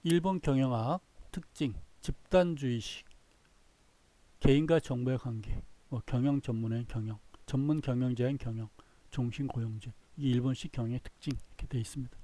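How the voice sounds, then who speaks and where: A man's voice: mid-range voice, a little fast, warm tone, no room sound. A man giving a recorded business lecture, reading through slides in short phrases and often repeating himself.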